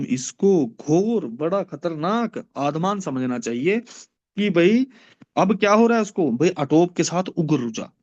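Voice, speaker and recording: A man teaching a lecture class, reciting classical verses and explaining them, asking questions and answering them himself. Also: a little high. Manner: recites Sanskrit verses then explains in mixed Hindi and English. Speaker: Ayurveda teacher. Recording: dull lo-fi recording.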